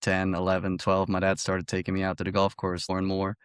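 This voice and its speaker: A Belgian college golfer in his early twenties casually tells his story as an interview guest. His low voice is completely flat and quick, with a clean tone in studio-quality audio and no room sound.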